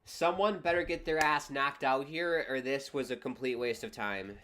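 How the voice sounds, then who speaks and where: Male streamer, mid-pitched, wry live fight commentary, exasperated. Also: normal speed, a bit bright, slight background noise. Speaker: livestream host reacting to a boxing match.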